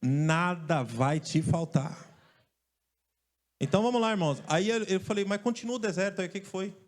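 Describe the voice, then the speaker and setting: A male pastor from Brazil preaching a lively sermon, joking and calling out to his congregation. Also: sits high, moderate pace. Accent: Brazilian Portuguese. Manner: lively, joking storyteller who calls out to the congregation. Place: church stage.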